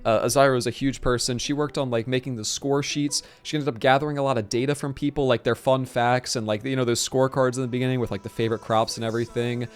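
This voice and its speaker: On a live stream, a medium-pitched man rambles with excitement about setting up a tournament. His speech is quick and casual, and his voice is turning hoarse.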